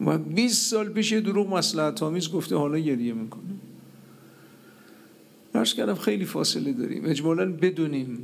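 A man preaching a sermon from the pulpit, telling stories and acting out the dialogue in lively voices. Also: a little high, creaky, slight background noise. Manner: lively storyteller acting out dialogue, laughing at his own tales.

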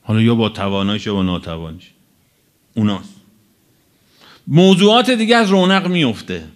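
A man preaching a religious sermon to a live audience, stretching out key phrases for emphasis and then rushing through quick asides. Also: on the low side. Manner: animated, swinging between drawn-out emphasis and quick asides.

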